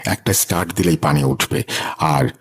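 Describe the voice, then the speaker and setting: A man voicing a skeletal old female ghost who scares people for fun, speaking slowly and mockingly, in a horror radio story. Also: very deep voice, slightly rough. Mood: teasing.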